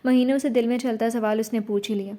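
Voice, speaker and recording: A woman reading a romance novel aloud in a steady, even narration. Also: fairly high pitch.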